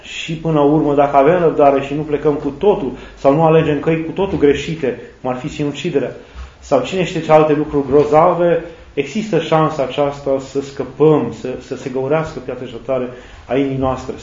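Male priest, sermon, reflective, slightly high voice, echoey dull recording. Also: steady tone, darkish tone. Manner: slow, reflective, lists words one by one.

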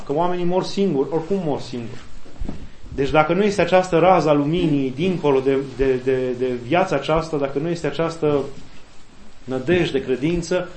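A man delivers a sermon in a fairly high voice, measured and reflective, slipping into animated quoted speech. The sound carries a noticeable echo from the room around him. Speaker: preacher. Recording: echoey room.

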